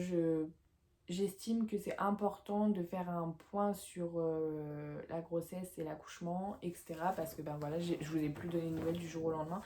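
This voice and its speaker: Mellow-voiced young woman vlogging. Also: mid-range voice. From France. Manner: rambling, many fillers and restarts. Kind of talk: casual chat to camera.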